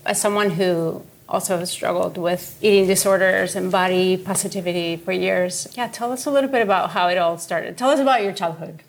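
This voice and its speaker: A woman interviewer asking eager, warmly worded questions in an onstage conversation. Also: fairly low pitch, fairly quick, vocal fry, hardly any pauses.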